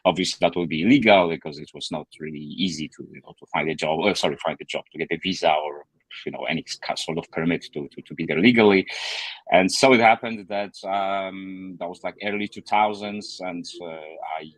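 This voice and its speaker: A man's voice: low-pitched, a little fast, a bit bright, no echo, low-quality recording. A man, telling his story as a guest on an online call, hesitant with many fillers and restarts. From Poland. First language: Polish. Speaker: guest author. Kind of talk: casual interview storytelling.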